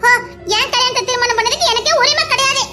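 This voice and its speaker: A woman's voice: very high voice, fast talker, pushed and bright, faint music behind. A woman voicing a hurt young bride-to-be who refuses a marriage. She speaks Tirunelveli Tamil in a bitter, tearful, defiant manner.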